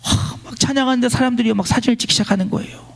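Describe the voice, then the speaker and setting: A male pastor preaching at a church service, leading a line-by-line scripture reading and swinging between loud exclamations and quiet storytelling. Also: very high-pitched, racing, gravelly. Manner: exclaims praise lines loudly, then drops to quiet storytelling. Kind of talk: sermon.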